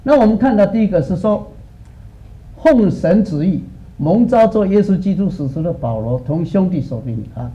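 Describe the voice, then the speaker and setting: A middle-aged male pastor preaching a sermon, telling lively stories and acting out the dialogues. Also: high-pitched, normal speed, husky, lo-fi sound.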